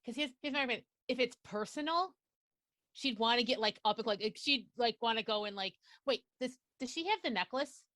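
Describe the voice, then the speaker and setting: A woman's voice: a little high, expressive, fairly quick, a bit bright, no room sound, clean studio sound. A woman playing in a tabletop game, chatty and rambling as she thinks aloud. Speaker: player. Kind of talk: casual tabletop play.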